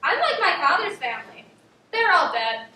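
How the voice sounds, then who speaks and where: A woman playing a flighty, prim young woman on stage with a bright sing-song theatrical delivery. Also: very high voice, very animated, moderate pace. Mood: indignant. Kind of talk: amateur stage play. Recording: distant stage, echoey theater, audible room noise.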